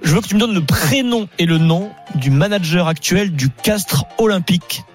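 Man, quiz host, high voice, brisk and teasing, radio studio, faint music underneath. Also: expressive. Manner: brisk, laughs often, teasing. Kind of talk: lively radio quiz hosting.

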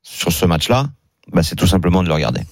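A man's voice: deep voice, sing-song, fast talker, no room sound, clean studio sound. A man on a radio sports panel reading betting odds in a matter-of-fact way. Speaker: betting pundit.

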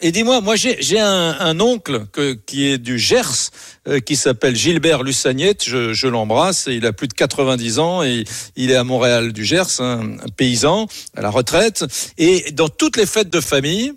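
A male talk radio host who speaks in an animated way and often stumbles into restarts. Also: medium pitch, normal speed, no room sound, clean studio sound. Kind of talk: radio talk show chat.

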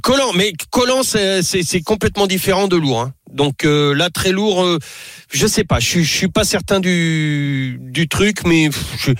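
A man's voice: sits high, animated, moderate pace, fairly bright tone, dry recording. Hesitant male radio tipster, dry studio. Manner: hesitant, many fillers and restarts. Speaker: racing tipster. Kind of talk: casual radio talk.

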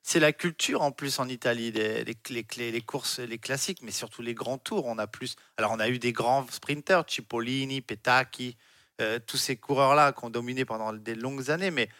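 A man's voice: medium pitch, normal speed, bright, forceful tone, no room sound, studio quality. A man in his forties from France, speaking as a cycling pundit on sports radio, emphatic and repeating his words.

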